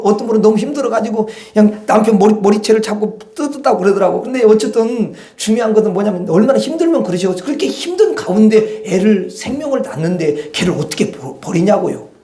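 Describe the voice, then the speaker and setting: A high-pitched male pastor preaches with animated, conversational energy and throws rhetorical questions to the congregation. His voice rings through a roomy church sanctuary. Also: fast, few pauses. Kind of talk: sermon.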